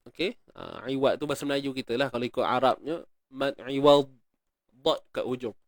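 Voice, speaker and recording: A man with a Malaysian Malay accent teaching Quran recitation rules, explaining patiently, repeating words slowly and chanting verses. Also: medium pitch, steady tone, no echo, clean studio sound. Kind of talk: tajwid lesson, explaining and reciting.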